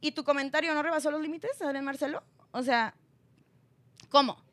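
Mexican woman gossip host, high voice, sarcastic, slangy, phone mic. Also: fast. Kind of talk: celebrity gossip commentary.

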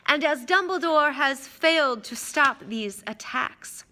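A woman voicing a smooth, condescending aristocratic male villain who drawls lazily in a storybook reading. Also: high-pitched, animated, slow pace, sharp tone, pitched above the performer's own voice, heavily acted. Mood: smooth, smug.

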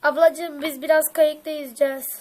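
A woman's voice: high voice, level tone, brisk. A woman voicing all the figures in a playful toy play story, with bickering back-and-forth lines. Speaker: toy video creator.

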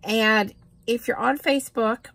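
Earnest middle-aged woman, gravelly edge. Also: a little high, fairly even intonation, unhurried, a bit bright, no room sound. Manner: earnest, plain-spoken, persuasive. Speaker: homesteader vlogger. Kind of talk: casual talking-head vlog. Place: cluttered room indoors. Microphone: camera close up.

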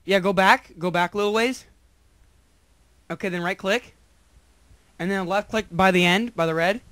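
A teenage boy with a very high voice chats over a headset call. He giggles a lot and keeps teasing and coaxing his friend through a game. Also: moderate pace, fairly bright tone, no echo. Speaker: recording host. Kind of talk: casual chat over voice call.

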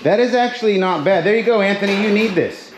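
A man's voice: high voice, fast, noisy background. A man casually narrating a storage unit dig as he goes through boxes, chatty and joking, talking to his camera. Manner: chatty, joking, thinking aloud. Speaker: storage auction reseller. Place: metal storage container, indoors.

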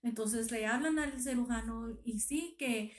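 30s lady vlogging, tells her story all emotional, keeps quoting people, kinda high voice, echoey room. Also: measured pace. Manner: emotional retelling, quoting others with constant "me dijo". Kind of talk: casual storytelling vlog.

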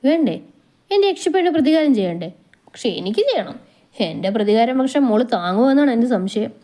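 A man's voice: extremely high pitch, big pitch swings, a little fast, mellow. A woman voicing a devoted young husband who murmurs playful teasing at his wife in a storybook reading.

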